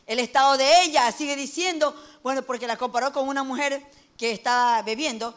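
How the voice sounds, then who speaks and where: Ecuadorian lady preacher, high voice, chatty sermon, keeps asking the congregation stuff. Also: a little fast, fairly bright tone. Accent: Ecuadorian Spanish. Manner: folksy, asks the listeners questions, jokes lightly. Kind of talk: conversational sermon.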